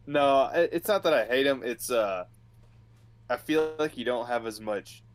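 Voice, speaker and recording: A man's voice: medium pitch, normal speed. A man co-hosting a podcast in casual chat, often repeating words as he starts a sentence. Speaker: podcast co-host.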